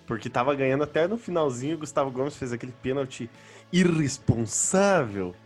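A man's voice: mid-range voice, lively intonation, brisk. A man with a Brazilian accent in a casual sports chat, informal, slangy and opinionated. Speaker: sports podcast panelist. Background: background music.

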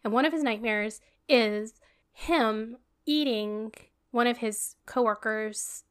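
A woman with a slightly high voice chats loosely as a podcast co-host. She rambles, stalls on words with frequent ums and trails into laughter. Her delivery is relaxed and unscripted. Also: slow pace, clean tone. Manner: laughs often. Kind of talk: casual sibling chat.

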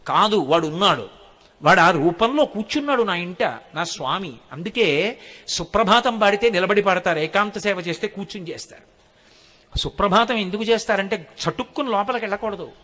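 A man's voice: high-pitched, normal speed. A man giving a devotional discourse, telling stories animatedly, acting out the people in them and chanting verses. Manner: animated storyteller, acting out quoted voices, chanting Sanskrit verses. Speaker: spiritual speaker.

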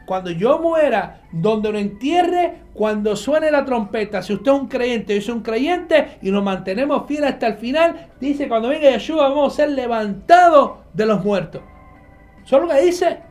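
A man's voice: very high-pitched, lively intonation, normal speed, faint music behind. A man preaching a nightly online Bible teaching, emphatic, asking questions and answering them himself. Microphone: live stream with viewers connected.

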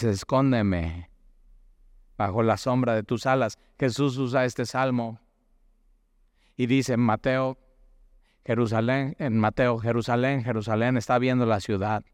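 A man's voice: mid-range voice, no room sound, studio quality. A man, preaching a sermon as a pastor in a conversational way, asking his listeners questions.

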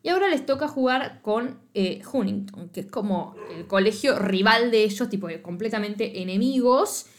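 Animated Argentine woman recapping a film. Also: mid-range voice, moderate pace, few pauses. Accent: Argentine Spanish. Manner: animated, slangy, acts out quoted lines. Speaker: podcast co-host. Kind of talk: casual chat recapping a film.

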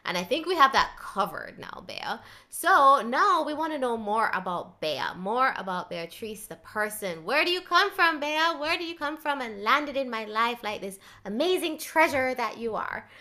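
A woman's voice: high voice, sing-song, normal speed, hardly any pauses, pushed and bright. A woman hosting a podcast interview, asking questions in an effusive, enthusiastic way. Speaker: podcast host. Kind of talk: conversational interview.

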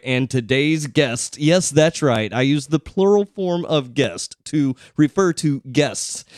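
A man's voice: medium pitch, smooth, no room sound. A man hosting a podcast in a home studio, joking and teasing his guests in a casual chat. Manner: playful, teasing, quick to joke. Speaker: podcast host. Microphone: studio microphone.

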